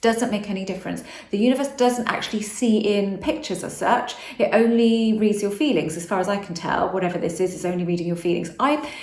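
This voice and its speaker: A woman's voice: medium pitch, a little fast, a little mellow, roomy sound. A woman vlogging about manifestation in a casual, rambling monologue, often restarting and correcting herself.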